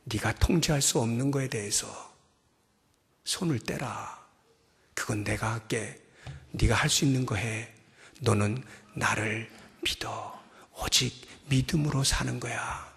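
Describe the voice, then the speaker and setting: Man doing God as a hushed fatherly voice. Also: unhurried, gravelly, pauses often, breathy edge, exaggerated voice. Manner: soft, low and gentle. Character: God, a calm hushed old fatherly male deity. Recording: long church hall reverb.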